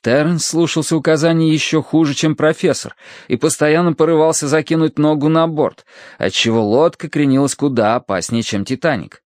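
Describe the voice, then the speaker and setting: A man reading an audiobook in lively, expressive comic storytelling. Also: fairly high pitch, moderate pace, no room sound, clean studio sound. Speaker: audiobook narrator. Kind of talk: scripted narration.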